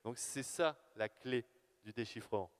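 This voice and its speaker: A man giving a live lecture on his research, talking in a lively, conversational way with fillers and asides to the audience. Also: medium pitch, unhurried. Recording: long hall reverb.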